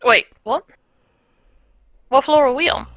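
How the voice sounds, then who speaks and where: Bright-voiced woman at a game table. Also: high voice, slow pace, dry recording. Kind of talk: casual narration of a character's actions.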